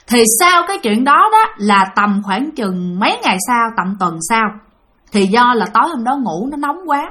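A woman with a Southern Vietnamese accent tells a ghost story as if chatting with friends. She often turns to address her listeners, and her voice sits a little high. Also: fairly bright tone. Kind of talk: spoken ghost story narration.

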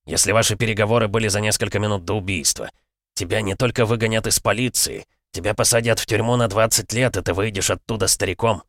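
A man voicing a cynical middle-aged police chief who scolds sternly and coaxes with false gentleness. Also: lowish voice, fairly even intonation, quick pace, no echo, studio quality, voice pushed up. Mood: scolding.

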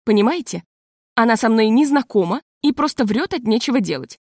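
A woman reading an audiobook voices a proud, educated woman trying to stay calm while indignant. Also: on the high side, fairly quick, no echo, studio quality.

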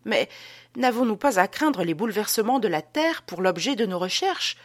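A humble wife speaking gently and with admiration to her learned husband, read by a woman narrator. Her voice lifts a little higher than the narration and moves lively in pitch. The recording is dry and close. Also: normal speed, no echo, natural voice. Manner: gentle, deferential.

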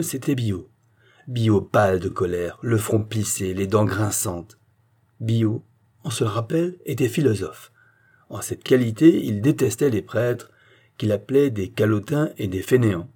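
A man narrating a classic novel in a measured audiobook reading. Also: on the low side, warm tone, slightly rough.

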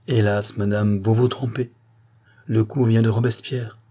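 A man's voice: fairly low pitch, flat delivery, unhurried, dark tone. A man reading an earnest revolutionary statesman pleading. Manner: urgent, explanatory pleading. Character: earnest male politician warning a queen.

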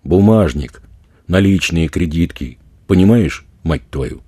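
A man voicing a rough, crude male street robber who swears and bullies, in a husky raised voice. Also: a bass voice, normal speed, dry recording. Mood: aggressive, yelling. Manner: loud, swearing, bullying.

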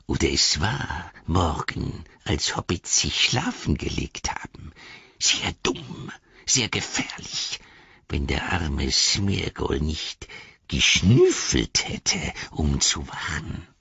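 A man's voice: very animated, slow pace, creaky, sharp tone, breathy edge, no room sound, heavily acted. A man voicing a creepy hissing male creature that whines and wheedles in a whispery, swooping voice, in a slightly dull recording. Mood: sly. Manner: sly, whining, wildly swooping pitch.

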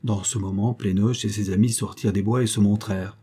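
A man reads a classic novella aloud at a steady, measured pace. His voice sits low and dark, with a husky grain. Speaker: audiobook reader. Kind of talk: scripted narration.

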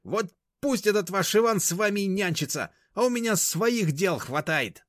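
A man voicing a shrill, brash, stout middle-aged woman who shrieks rudely and indignantly. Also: moderate pace, no echo, clean studio sound, lightly acted. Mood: screeching.

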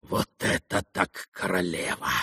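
A man voicing a wild, rowdy young merchant who shouts with boisterous, drawn-out delight. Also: low-pitched, level tone, creaky, breathy edge, no room sound, studio quality, voice pushed down, heavily acted. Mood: exultant rowdy.

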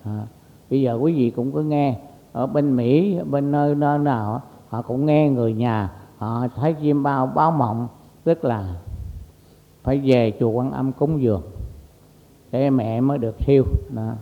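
A man, a Buddhist monk, giving a sermon in a conversational storytelling way, with many fillers, acting out the voices of the people in his story. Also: medium pitch. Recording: lo-fi recording with long hall reverb.

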